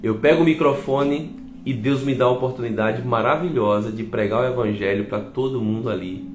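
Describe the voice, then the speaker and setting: A man's voice: mid-range voice, brisk. A middle-aged man, a pastor with a Brazilian Portuguese accent, telling his testimony as a sermon, often turning to the congregation. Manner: lively storytelling, often addresses the congregation. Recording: echoey hall with faint music.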